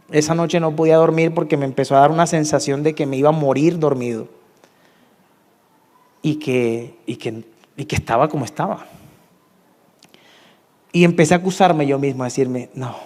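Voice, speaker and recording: A man in his thirties with a Colombian Spanish accent, telling his testimony in a sermon, swinging between hushed confession and emphatic peaks. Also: normal speed, pauses often, long reverb tail. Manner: emotional storytelling, dropping to hushed tones and rising to emphatic highs. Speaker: preacher.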